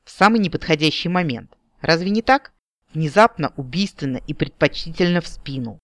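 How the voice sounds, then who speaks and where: A man's voice: fairly high pitch, expressive, a little fast, no echo, clean studio sound. A man voicing a teasing, ironic elder brother talking on the phone in an audiobook. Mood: mocking. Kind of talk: audiobook character voice.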